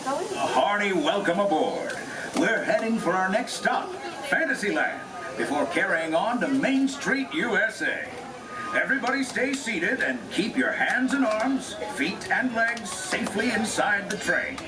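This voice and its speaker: A man voicing a cheerful, folksy old-time train conductor in theme park ride narration, heard through an outdoor loudspeaker. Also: sits high, very animated, unhurried, crowd noise. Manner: folksy frontier drawl, storybook cheer. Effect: recorded narration over outdoor train loudspeakers. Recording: distant loudspeaker with loud music.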